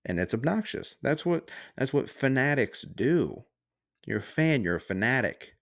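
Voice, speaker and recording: A man's voice: mid-range voice, big pitch swings, moderate pace, vocal fry, a bit bright. A podcast host, a man, ranting on his own in a heated, sarcastic and profane way. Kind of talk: casual solo rant.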